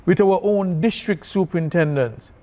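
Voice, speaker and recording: A man from Saint Kitts with a Kittitian accent, answering as a church leader in an interview, haltingly and deliberately, often repeating words. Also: high-pitched, dark tone. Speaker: church district superintendent being interviewed.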